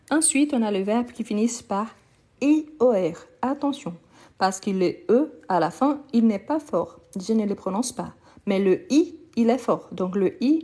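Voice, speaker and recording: A woman's voice: a little high, dark tone. A woman teaching French on a live online lesson. She speaks patiently, repeats each word and often praises her learners.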